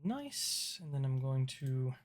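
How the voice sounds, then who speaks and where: A man narrating a tabletop roleplaying game as game master in a casual, halting way. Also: medium pitch, very animated.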